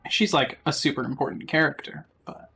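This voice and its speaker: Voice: mid-range voice, fairly quick, creaky, sharp tone, husky. A player giving casual gameplay commentary, offhand and often muttering while concentrating on the game. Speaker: video game streamer.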